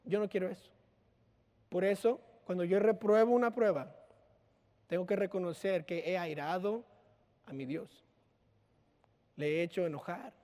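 A man preaches in a loose, conversational way, weaving in personal anecdotes and little acted-out lines. His voice sits high for a man. A long hall reverb trails each phrase. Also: normal speed, long pauses, mellow. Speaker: pastor. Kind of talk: sermon.

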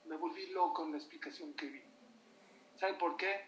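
A man giving a religious talk, telling stories in an animated way and putting questions to his listeners. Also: a little high, moderate pace, slight background noise. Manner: animated storytelling, asks the audience questions. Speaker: religious teacher. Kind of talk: sermon. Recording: echoey room from far off.

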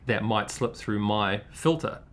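A man's voice: on the low side, measured pace, slight background noise. A man hosting a casual podcast conversation, reflective and asking long, winding questions. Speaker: podcast host.

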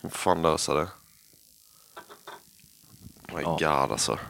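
A young man hosting a casual podcast chat, a lively storyteller who swears freely and laughs often. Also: extremely low pitch, vocal fry, slight background noise. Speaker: podcast host.

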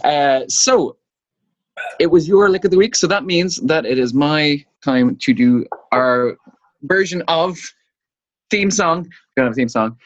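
A man co-hosting a casual guitar podcast, joking and animated as he talks, with many restarts. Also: fairly high pitch, a little slow, dull audio, slight background noise. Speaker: podcast co-host. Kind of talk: casual chat.

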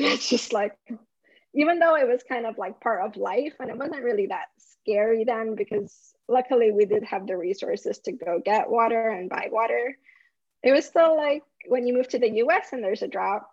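A woman's voice: medium pitch, a little mellow, breathy edge, no echo, dull audio. A woman in her thirties from Lebanon, a climate researcher chatting casually in an interview and laughing often.

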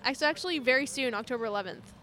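A young woman in her twenties with a slightly high voice, chatting casually as a convention guest. She tells stories with playful, deadpan jokes and an easy laugh. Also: very fast. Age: 20s. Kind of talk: casual chat.

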